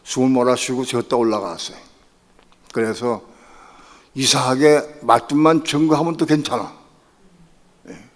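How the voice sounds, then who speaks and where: A man's voice: mid-range voice, normal speed, long pauses, big-room sound. A male pastor preaching a Friday evening sermon, talking conversationally and repeating phrases as he retells his own prayers with rising, pleading intensity. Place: church sanctuary.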